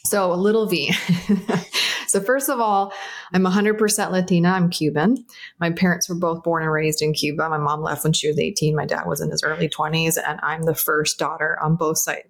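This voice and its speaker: Animated low-voiced woman podcast guest. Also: normal speed, creaky. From South Florida, United States. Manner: animated, candid, laughs often. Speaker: guest, agency founder. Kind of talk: casual podcast interview.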